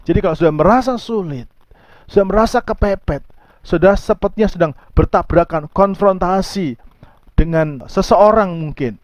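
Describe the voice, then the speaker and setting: A male pastor preaching a sermon, emphatic, dropping to soft low asides and rising to high pleading outbursts. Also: normal speed, dry recording.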